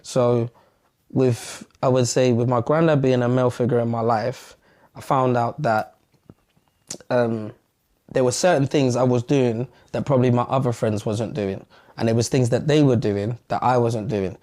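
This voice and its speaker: A man's voice: medium pitch, steady tone, moderate pace, a little mellow. A young man from London, a podcast co-host in the guest seat, talking things over in a rambling, reflective way with lots of "you know what I'm saying". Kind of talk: casual podcast conversation.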